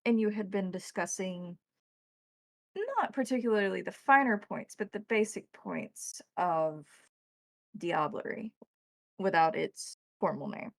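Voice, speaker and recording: A woman runs a tabletop roleplaying game as game master, narrating in a measured, deliberate manner. Her medium-pitched voice has vocal fry, and the recording has no echo.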